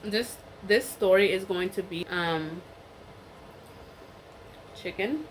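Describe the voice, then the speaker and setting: A young woman vlogger with a cold tells a rambling story while eating during a casual chat, her stuffy voice at medium pitch and slow pace. She's chatty, full of fillers and restarts, and the rough recording carries slight background noise.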